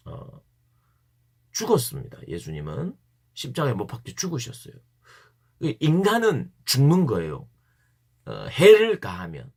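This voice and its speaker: A youth pastor with a medium-pitched voice gives an earnest devotional Bible talk to teenagers. He stresses his points by repeating key phrases.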